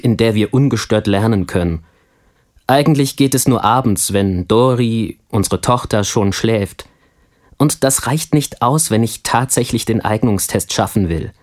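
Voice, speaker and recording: A man playing a friendly young family man in a language course, answering interview questions in a scripted textbook dialogue with calm, clear speech. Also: fairly low pitch, natural voice.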